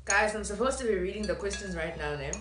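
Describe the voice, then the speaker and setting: A woman's voice: medium pitch, expressive, quick pace. A young woman guest in a casual chat, playful and laid-back. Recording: echoey room with faint noise.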